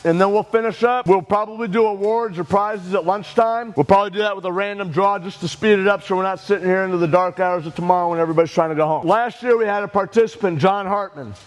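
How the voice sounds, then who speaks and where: A middle-aged man, an event organizer, giving steady announcements and telling a story to a group. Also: high-pitched. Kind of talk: addressing a group.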